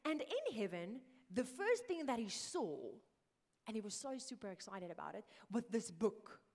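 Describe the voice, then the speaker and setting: A woman's voice: on the high side, sing-song, normal speed. Earnest woman preaching. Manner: earnest, drops to hushed whispers. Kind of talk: sermon. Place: church hall. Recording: reverberant church hall.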